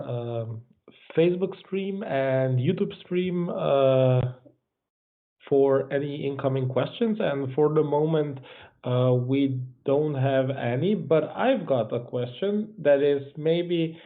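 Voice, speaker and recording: A man hosting a meetup, moderating the Q&A in a casual, hesitant way full of fillers. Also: mid-range voice. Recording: tinny phone-like online stream audio.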